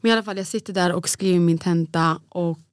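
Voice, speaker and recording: A young woman telling a personal story in casual conversation, lively and acting out what people said. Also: lowish voice, smooth, no room sound, clean studio sound. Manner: animated, acts out quoted dialogue. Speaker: podcast guest.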